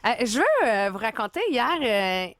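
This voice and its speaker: Chatty quebec woman with beauce accent, bit high. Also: sing-song, normal speed. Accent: Beauce Quebec French. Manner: chatty, laughing, acts out voices in her stories. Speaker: radio co-host. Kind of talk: casual radio storytelling.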